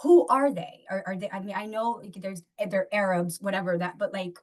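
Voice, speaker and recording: A Somali woman hosts a podcast interview, her questions rambling and searching and peppered with "like" and "you know." Her voice sits at medium pitch with fairly even intonation, and she speaks fairly quickly.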